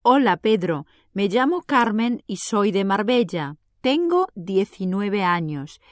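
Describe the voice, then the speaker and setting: Carmen, a bright, sociable young woman in a language-exam dialogue. She speaks slowly and clearly, and her voice moves with lively expression. It is a dry studio recording. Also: medium pitch, no room sound. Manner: clear, careful delivery, numbers read slowly.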